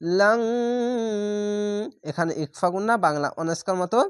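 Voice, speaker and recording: A Quran reading teacher who spells each word out syllable by syllable and then chants it slowly, with calm explanations in between. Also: medium pitch, dry recording, clean studio sound. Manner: calm instructive explanations between recited words. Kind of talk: step-by-step recitation lesson.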